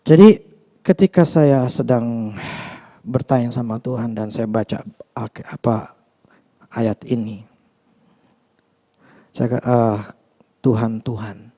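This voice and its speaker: A man's voice: medium pitch, slow, pauses often, warm tone. A male pastor giving a conversational, earnest sermon, often hesitating and restarting with fillers. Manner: earnest, confessional.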